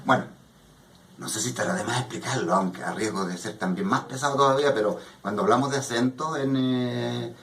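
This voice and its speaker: This man's voice is medium-pitched, brisk, creaky and fairly bright as he leads a poetry workshop in class. He explains patiently, often asking "¿ya?" to confirm understanding, and the recording is echoey from a far-off mic.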